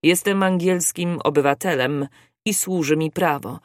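A reader voicing a calm, reserved English gentleman in an audiobook, with a low, clipped delivery. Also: measured pace, no echo, studio quality, lightly acted. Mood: composed.

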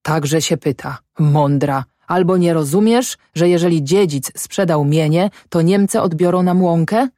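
A woman's voice: on the low side, a little slow, few pauses, dark tone, no echo, studio quality, close to an everyday voice. A woman voicing a worried, downcast peasant farmer husband in an audiobook, grumbling gloomily. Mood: gloomy. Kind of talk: audiobook character voice.

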